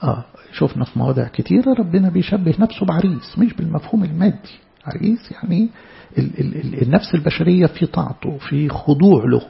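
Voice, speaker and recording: A man with an Egyptian Arabic accent teaches from the Bible in a chatty, questioning way. His voice is strongly gravelly and sits a little high. The recording sounds dull and lo-fi. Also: animated, quick pace. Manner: conversational, asks rhetorical questions. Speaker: preacher.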